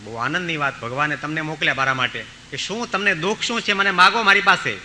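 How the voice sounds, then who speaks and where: A man's voice: fairly high pitch, expressive, quick pace, bright, forceful tone, a little hiss or hum, poor audio. A man preaching a storytelling sermon, acting out the voices of the people in his tales. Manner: acts out voices in his stories, pleading and commanding. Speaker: monk preacher.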